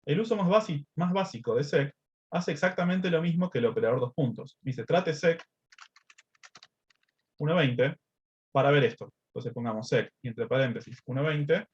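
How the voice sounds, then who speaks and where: On slightly muffled lo-fi audio, a man who teaches math gives a step-by-step screen-recorded coding lesson, frequently asking "¿sí?" and bridging gaps with "este." His voice is husky and fairly high, and he talks a little fast.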